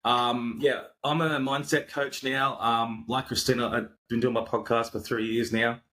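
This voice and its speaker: A man's voice: mid-range voice, normal speed. A man who works as a mindset coach, chatting casually and easygoing as a guest on a live podcast. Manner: relaxed, easygoing, with many fillers. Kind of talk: casual conversation.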